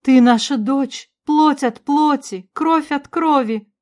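A woman reading an audiobook, voicing a tearful older queen mother who speaks high, loud and slow. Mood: tearful, pleading.

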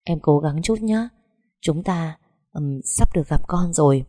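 A woman voicing a tender young husband who coaxes and reassures his wife softly. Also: deep voice, animated, a little slow, no echo, clean studio sound. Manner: soft, coaxing, reassuring.

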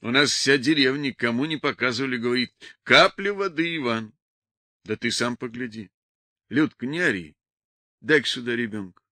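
A man voicing a gruff young village man who coaxes and persuades, in an audiobook reading. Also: medium pitch, lively intonation, moderate pace, pushed and bright, no room sound. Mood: persuading. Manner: gruff, coaxing.

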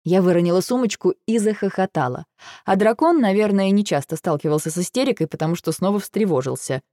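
A woman reading a first-person audiobook, lively and exasperated in her delivery. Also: medium pitch, quick pace, no room sound, studio quality. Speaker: audiobook narrator.

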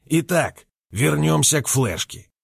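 A man voicing a cold, calculating male villain who speaks in a calm, mocking way. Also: a little high, slow, gravelly, slightly rough, no echo, studio quality, pitched above the performer's own voice, full character voice.

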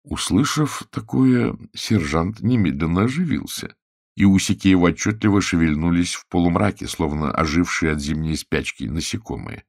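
A man reading a story aloud as narrator, expressive and theatrical. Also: sits low, normal speed, creaky, no echo, studio quality. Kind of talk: audiobook reading.

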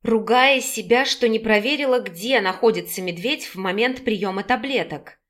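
A woman narrating an audiobook in a steady, measured storytelling manner. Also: fairly high pitch.

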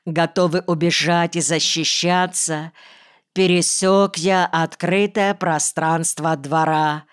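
A woman reading a novel aloud as an audiobook narrator, in a measured storytelling manner. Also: on the low side, clear, resonant tone, dry recording, clean studio sound. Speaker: audiobook reader.

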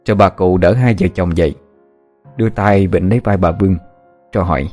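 A man narrating a story audiobook in a steady, measured storytelling manner. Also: low-pitched. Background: soft background music.

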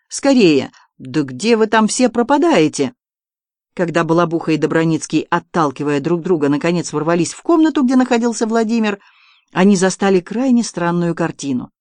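An audiobook narrator reading an adventure novel in expressive, scripted narration. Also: mid-range voice, no room sound.

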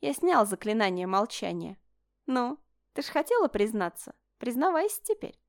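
A woman's voice: on the high side, big pitch swings, moderate pace, no echo, studio quality. Sneering storybook nobleman, taunting and sing-song, voiced by a woman narrator. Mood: gloating. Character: sneering mocking male noble brother, smug.

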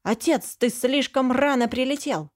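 A woman voicing a proud, headstrong young boy dragon, speaking in a high, excited and indignant voice. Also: moderate pace, dry recording, studio quality, lightly acted. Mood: petulant.

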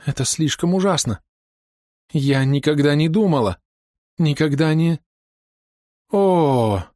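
A man's voice: fairly high pitch, animated, slow, a little mellow, dry recording, studio quality, pitched above the performer's own voice. A man voicing a terrified young woman who sobs and stammers hysterically in an audiobook. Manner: hysterical, sobbing.

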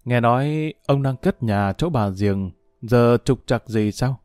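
A man's voice: medium pitch, darkish tone, no echo, soft background music, close to an everyday voice. A man as a cool, curt stepson. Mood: cold. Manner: measured, curt. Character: reserved grown stepson, cool and firm.

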